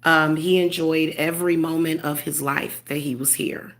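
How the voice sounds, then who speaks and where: A woman acting as a spiritual medium gives a casual monologue in a low, slightly bright voice with fairly even intonation. She sounds congested, earnest and tender, halting with plenty of fillers and restarts.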